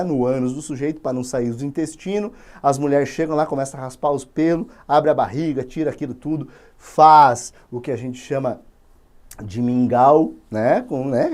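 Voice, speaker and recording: A man with a Brazilian accent teaching literature in an informal, slangy storytelling way, full of tag questions. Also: fairly high pitch.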